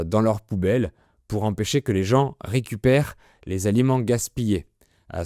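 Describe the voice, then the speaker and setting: In a dry, studio-quality recording, a man presents a French listening lesson for language learners. His voice is lowish with a dark tone, and he explains vocabulary in a simple, didactic way.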